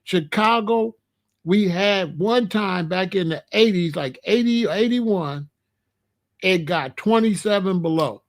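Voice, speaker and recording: A middle-aged or older American man hosts a casual livestream, warning his online viewers about the weather. He talks a little slowly in a high voice, colloquial and emphatic, repeating phrases for stress.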